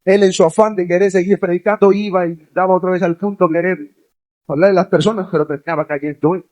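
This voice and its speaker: Male preacher with a high voice, delivering an impassioned sermon to youth that swells to forceful exhortation. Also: steady tone, fast. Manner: impassioned, builds to forceful near-shouting exhortation; addresses listeners directly as young people. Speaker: evangelist preacher.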